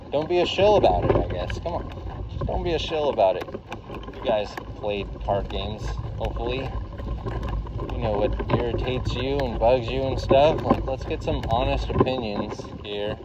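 A man's voice: mid-range voice, muffled recording. A man talking off the cuff while out walking, in a hesitant, blunt, informal vlog style, prone to swearing. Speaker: card game vlogger. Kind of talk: casual rambling monologue recorded on a walk. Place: outdoors, walking. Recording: loud outdoor ambient noise.

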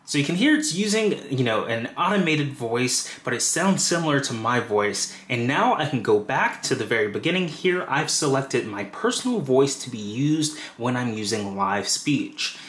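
A man's voice: mid-range voice, animated, moderate pace, few pauses, a bit bright. A man casually walking through a phone setup tutorial step by step, with fillers like "you know". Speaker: tech tutorial presenter. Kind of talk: screen-recorded how-to walkthrough. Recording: roomy echo.

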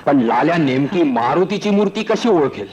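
An actor playing the thief's accomplice, who keeps asking doubtful questions. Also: male voice, on the high side, expressive, normal speed, a little mellow, slight background noise, lightly acted.

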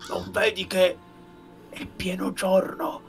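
A man voicing a nervous, scolding beggar in a tabletop game, in a hushed stage whisper. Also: sits high, monotone, takes it slowly, vocal fry, soft background music, pitched above the performer's own voice, heavily acted. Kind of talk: tabletop game role-play.

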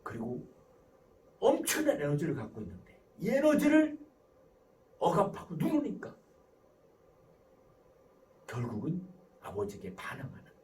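A man's voice: fairly high pitch, huge pitch swings, a little slow, long pauses, a little mellow, far from the mic, a little hiss or hum, low-quality recording. A man lecturing to parents, asking questions and answering them himself. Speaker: professor giving a parenting lecture.

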